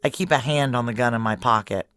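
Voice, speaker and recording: In a noir science fiction audio drama, an actress plays a tough, wary female security chief, delivering lines in a clipped, deadpan, commanding way. Her voice is very deep and fast, with a dry, guarded mood.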